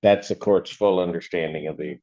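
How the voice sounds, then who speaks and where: A man presiding as a judge at a plea hearing, asking formal questions in a measured way, heard through a courtroom recording. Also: low voice, warm tone. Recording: dull courtroom audio recording.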